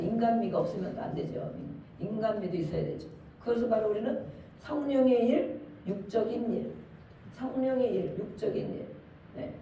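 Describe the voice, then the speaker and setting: A woman's voice: fairly high pitch, mellow, distant mic, a little hiss or hum. Echoey female preacher, conversational sermon. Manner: conversational preaching with rhetorical questions and acted quotes.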